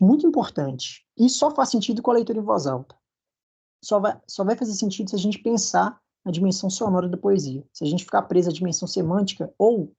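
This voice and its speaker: The lo-fi recording captures a man's high, gravelly voice, mellow yet husky, with a Brazilian Portuguese accent. He's lecturing at a university over slides, patient in his explanations and regularly checking on his students.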